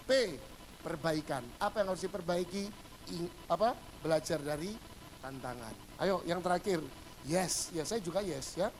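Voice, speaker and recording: Lively high-voiced preacher man. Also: noisy background. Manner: animated storytelling, acting out dialogue, swings between loud and hushed. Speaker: pastor. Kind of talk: humorous sermon.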